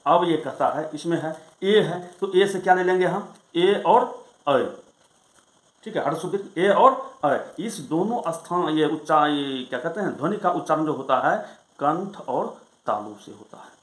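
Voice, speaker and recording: Guy teaching sanskrit grammar, kinda high voice, recites rules then quizzes himself, roomy echo. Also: animated, a bit bright. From Bihar, India. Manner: recites rules slowly, then asks and answers his own questions. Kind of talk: classroom lesson explaining Sanskrit rules.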